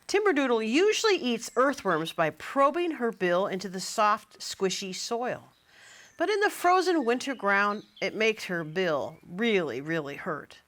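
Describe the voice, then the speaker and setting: A woman reading a children's picture book aloud with a bright, crisp tone. Her voice moves up and down a lot, and she takes her time. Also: mid-range voice, a little slow. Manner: bright, animated storytelling. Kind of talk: storybook read-aloud.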